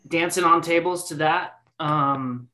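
Bright-voiced rambling young male singer. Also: a little high, takes it slowly. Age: 20s. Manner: rambling, full of fillers and restarts. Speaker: band singer. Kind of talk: casual podcast interview.

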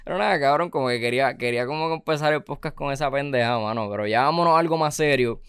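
A Puerto Rican man hosts a casual podcast, talking emphatically and swearing freely. His voice is smooth and resonant, recorded dry and close with no room sound. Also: medium pitch, quick pace, a bit bright, no room sound. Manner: emphatic, peppered with slang and swearing. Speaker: podcast host.

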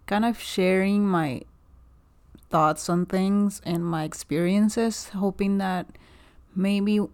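Soft-spoken hesitant woman in her thirties. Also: on the low side. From Guatemala. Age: 30s. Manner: soft-spoken, hesitant, many fillers and restarts. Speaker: podcast host. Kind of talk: casual solo podcast monologue.

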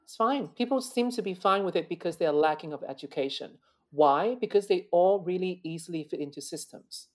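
Brisk and almost pause-free, this high-voiced man from China is a guest opera singer being interviewed. His manner is earnest and reflective, and he frequently starts over and says words twice.

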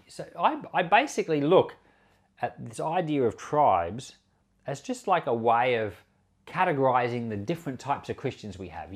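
A pastor and Bible teacher with a mid-range voice offers an informal sermon commentary on scripture. He sounds earnest and conversational, pressing hard on key words.

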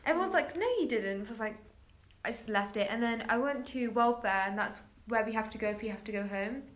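A woman's voice: fairly high pitch, a little fast. Chatty young woman storytelling. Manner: chatty, many "like" fillers, acts out quotes. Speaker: guest. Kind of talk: casual storytelling.

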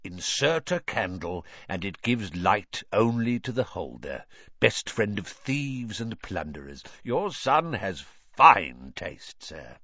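A man voicing an oily, obsequious shopkeeper who talks slowly. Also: on the low side, sing-song, bright, forceful tone, no room sound, lo-fi sound, full character voice. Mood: fawning. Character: oily, fawning shopkeeper of dark objects.

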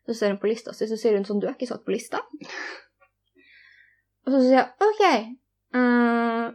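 A woman's voice: on the high side, steady tone, darkish tone. Young woman retelling a hard night, earnest. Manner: earnest, candid, retelling dialogue in detail. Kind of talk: personal storytelling in a conversation.

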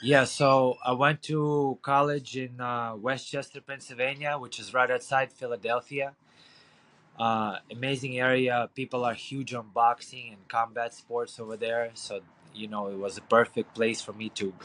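A man's voice: mid-range voice, a bit bright, rough recording. A man in his thirties from Ukraine, speaking English with a Ukrainian accent, rambling casually with fillers as a guest on a podcast. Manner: rambling, frequent fillers and profanity. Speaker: guest, boxing coach. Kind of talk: casual interview.

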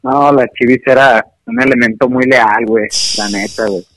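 A man's voice: medium pitch, fairly even intonation, normal speed, a bit bright, a little hiss or hum. A young man with a Mexican accent, called live and talking over the phone in a laid-back, slangy way. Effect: heard over a phone call. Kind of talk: casual chat.

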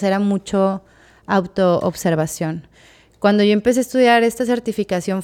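A woman's voice: medium pitch, a little mellow, smooth. A woman with a Mexican accent, co-hosting a podcast and frankly telling a personal story in a reflective, candid way. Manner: frank, reflective, full of fillers like o sea. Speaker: podcast co-host.

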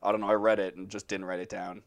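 A man's voice: fairly low pitch, little pitch movement, fast talker. A man hosting a casual podcast, rambling with lots of fillers and frequent laughs. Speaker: podcast host presenting the topic.

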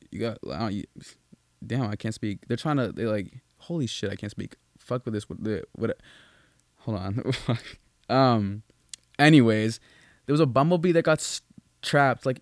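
A young man chatting loosely on a podcast, tripping over his words and swearing through his stories. His voice sits at a middling pitch. The sound is dry and close. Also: normal speed, pauses often, dry recording. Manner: rambling, profane, many restarts and fillers. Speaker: podcast co-host. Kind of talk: casual chat.

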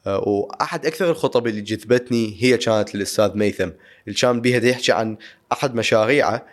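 Quick low-voiced Iraqi host. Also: male voice. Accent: Iraqi Arabic. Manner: brisk, with frequent filler sounds. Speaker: podcast host. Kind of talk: scripted introduction.

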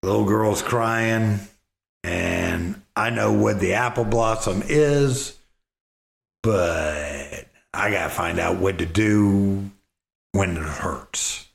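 Slow, gravelly-voiced man telling a story. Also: deep voice, reverberant. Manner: folksy, rambling with repeated words. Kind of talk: casual storytelling.

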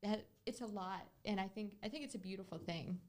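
A woman's voice: mid-range voice, brisk, darkish tone. A woman hosting a podcast, talking casually and earnestly as she tells a client story. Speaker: podcast host, real estate agent.

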